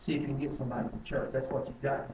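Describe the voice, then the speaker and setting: A man preaching a sermon as pastor, swinging between loud emphatic stretches and low, quiet ones. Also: little pitch movement, very fast, highs cut off. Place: church sanctuary. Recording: echoey church from a distance.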